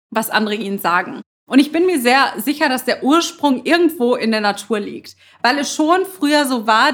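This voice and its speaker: A woman hosts a motivational podcast, speaking without notes in an earnest, emphatic way and often repeating her phrases. Her voice is on the high side and fairly bright.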